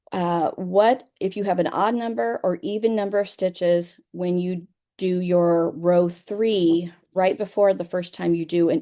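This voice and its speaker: A woman's voice: mid-range voice, mellow. A middle-aged woman teaching a crochet pattern in a casual, chatty way, often repeating herself and checking in with "okay?". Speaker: crochet instructor. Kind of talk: casual tutorial explanation.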